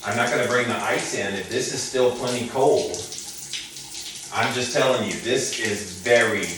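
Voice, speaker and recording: A man chatting calmly and instructively to viewers while standing under ice-cold shower water, stretching and repeating words for emphasis. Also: medium pitch, normal speed. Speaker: vlogger doing a cold-water challenge. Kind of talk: casual instructional vlog chat. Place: open shower in a hotel bathroom. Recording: echoey bathroom, distant mic, noisy running water. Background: running shower water.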